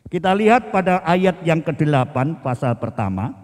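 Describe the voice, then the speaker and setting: A man's voice: fairly high pitch, big pitch swings, normal speed, a little mellow, in a large hall. A man preaching a sermon at a church service, punctuating his phrases with "ya" and stretching words for emphasis. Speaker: pastor.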